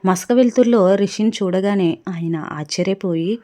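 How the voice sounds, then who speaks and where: A woman's voice: mid-range voice, normal speed, dark tone. A woman narrating a family story aloud, reading it with feeling and speaking the characters' lines herself. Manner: emotional, voices the characters' dialogue herself.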